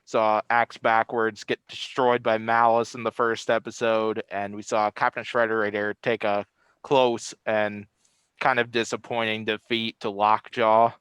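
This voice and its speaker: A man's voice: on the low side, flat delivery, measured pace, fairly bright tone, clear, resonant tone, dry recording. A man speaking through a face mask as he hosts a casual video recap, rambling a little and repeating phrases. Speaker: host.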